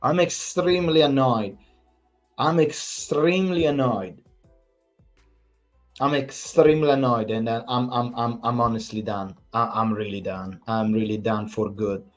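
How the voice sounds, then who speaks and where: A man's voice: mid-range voice, measured pace, faint music behind. A man, hosting a fan channel, giving an exasperated, repetitive post-match rant full of swearing.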